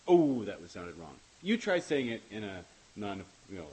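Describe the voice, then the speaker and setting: A man's voice: lowish voice, very animated, darkish tone, rough recording. Joking, rambling man on a commentary. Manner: joking, rambling, with quick self-mocking asides. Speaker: show creator on a commentary track. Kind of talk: casual commentary chat.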